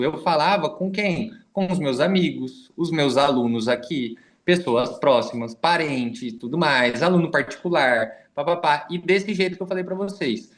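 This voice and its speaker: Young guy from são coaching his team, slangy and animated, fairly high voice. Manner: animated, slangy, acts out quoted messages in varied voices. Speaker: wellness coach and team leader. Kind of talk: informal coaching talk to a team.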